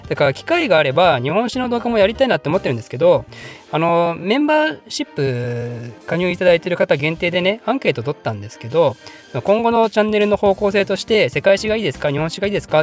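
A Japanese man hosting a history channel, answering viewer questions in a rambling, self-deprecating way with frequent laughter; his voice is slightly pitched up in editing. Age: adult, working. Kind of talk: casual Q&A monologue.

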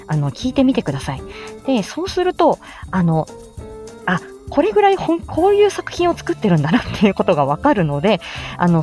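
A mid-range, slightly mellow female voice leads an informal instructional livestream about making voice samples. The presenter, a speech therapist and amateur voice actor, chats and explains as she goes and greets listeners by name.

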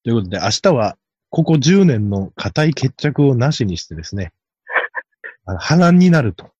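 A man hosts a loose podcast chat, racing through his points and laughing at his own jokes. His voice is husky and swings widely in pitch. It is a dry, somewhat dull lo-fi recording. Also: sing-song, normal speed, darkish tone, dry recording. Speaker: podcast host. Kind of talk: casual chat about horse racing picks.

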